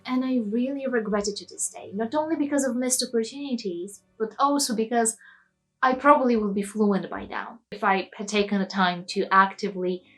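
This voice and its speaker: A woman's voice: medium pitch, low-quality recording. A young woman from Eastern Europe giving an opinionated, passionate vlog rant about studying abroad. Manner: passionate, emphatic, preachy.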